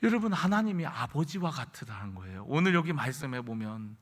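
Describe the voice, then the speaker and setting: A male pastor at a midweek service, his voice of ordinary middle pitch. He tells a story with earnest sermon delivery, pushing up to emphatic peaks. The sound rings with the long reverb of a church sanctuary. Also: very animated, a little fast.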